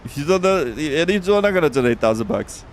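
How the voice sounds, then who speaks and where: A man's voice: a little high, expressive, a little fast, a little hiss or hum. A man hosting a casual flight simulator livestream, talking informally and often repeating his words. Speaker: livestream host.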